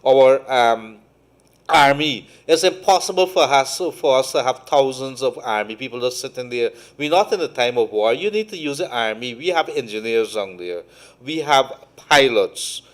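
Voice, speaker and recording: A man's voice: mid-range voice, expressive. Emphatic Guyanese man on talk radio. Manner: emphatic, quick bursts of speech. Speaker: radio show host. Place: radio studio. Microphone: studio mic with headphones.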